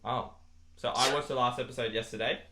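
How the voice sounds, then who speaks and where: A man's voice: mid-range voice, steady tone, fairly quick. A young man co-hosting a casual podcast chat, joking, laughing and slipping into mocking put-on voices. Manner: jokey, breaks into laughter, mimics people in loud put-on voices. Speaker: podcast co-host. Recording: roomy echo.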